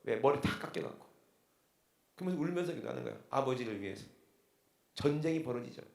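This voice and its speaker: A male pastor giving an impassioned sermon, swinging between loud cries and hushed, low passages. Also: lively intonation, brisk, creaky. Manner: impassioned preaching, swinging from shouts to hushed tones. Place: church sanctuary. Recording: church hall with long reverb.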